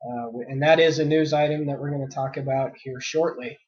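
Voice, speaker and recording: A man's voice: mid-range voice, fairly even intonation, fairly quick, darkish tone, muffled recording. A man hosting a solo news podcast, reading articles aloud and breaking into indignant commentary with many fillers, sick with a cough.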